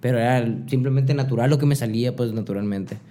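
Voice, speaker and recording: Speaking fast in a dark-toned, medium-pitched voice, this young Mexican boxer recounts his story during a relaxed interview. He has a Mexican Spanish accent and wanders through it with fillers and restarts.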